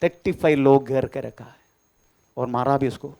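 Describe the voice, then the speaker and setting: This male pastor's sermon moves from low murmuring to loud, high proclamations, with frequent cries of "praise the Lord." He speaks at normal speed with vocal fry.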